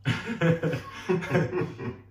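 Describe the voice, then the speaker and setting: A man in his twenties as a guest giving deadpan mock answers in a casual joking interview, often cracking up, in a small room. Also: fairly high pitch, gravelly, slight background noise. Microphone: camera mic from a distance. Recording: roomy distant camera audio.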